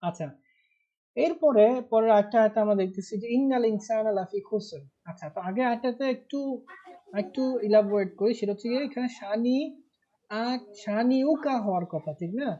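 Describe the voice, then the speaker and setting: A man's voice: sits high, fairly quick, mellow. Patient man teaching grammar. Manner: patient, explanatory, stresses key words. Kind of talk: live online class lecture. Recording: muffled online class audio.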